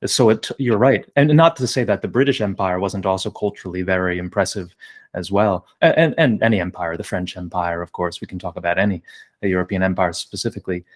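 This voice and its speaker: A man's voice: low-pitched, fast talker. A man from New Jersey hosting an interview podcast, asking long winding questions with many fillers. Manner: discursive, wordy, many fillers. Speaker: podcast host.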